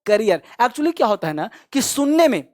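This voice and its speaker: A male teacher giving a vocabulary lesson, emphatic and repetitive, drilling words and spelling them out letter by letter while urging students to memorize quickly. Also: extremely high pitch, very animated, a little mellow, no echo, studio quality. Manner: urges students to hurry and memorize.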